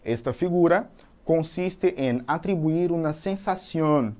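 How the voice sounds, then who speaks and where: Mellow-voiced Brazilian man teaching. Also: fairly high pitch. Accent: Brazilian Portuguese. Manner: explains slowly and methodically, reading examples aloud. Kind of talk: recorded language lesson.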